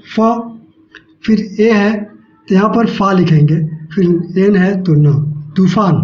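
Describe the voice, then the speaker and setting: High-voiced man teaching slowly in an echoey room. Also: darkish tone. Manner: slow, repeats each step, explains aloud while writing. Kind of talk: step-by-step classroom lesson. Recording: echoey room, dull lo-fi sound.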